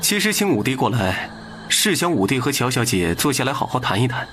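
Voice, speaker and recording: An actor voicing a smooth, ingratiating, scheming prince hosting a banquet in an animated drama. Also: male voice, medium pitch, a little fast, a little hiss or hum.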